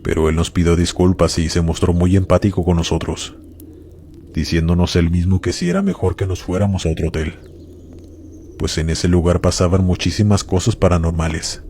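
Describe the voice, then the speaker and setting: A man reading a first-person horror story aloud in a steady, measured storytelling manner, speaking to his listeners. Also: low voice, slight background noise.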